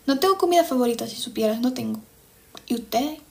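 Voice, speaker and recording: Cuban girl chatting live on her phone, high voice, chatty, reads comments and answers them. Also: animated, a little fast, creaky. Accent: Cuban Spanish. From Cuba. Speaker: livestream host. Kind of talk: casual live-stream chat with viewers.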